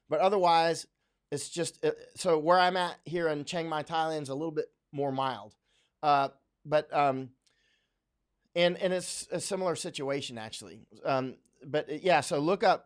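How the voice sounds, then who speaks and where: A man from Florida hosting a casual livestream, reading viewer comments aloud and answering them in a rambling way full of fillers and restarts. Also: fairly high pitch. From Central Florida, USA. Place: home in Thailand.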